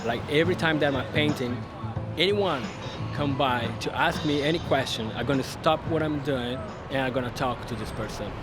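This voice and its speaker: A man's voice: medium pitch, normal speed, music in the background. A man who paints murals, speaking earnestly in a documentary interview with slightly non-native phrasing.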